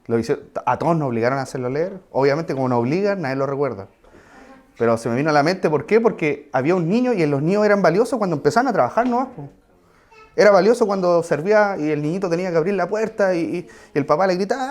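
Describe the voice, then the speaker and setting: A man's voice: fairly high pitch, lively intonation, fast talker, darkish tone. A man preaching a sermon in a conversational way, with asides and questions to the congregation.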